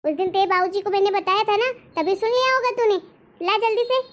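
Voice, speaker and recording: A woman voicing a harsh, insulting mother-in-law in a cartoon story. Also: quick pace. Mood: scolding. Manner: shrill and insulting. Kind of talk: cartoon voice acting.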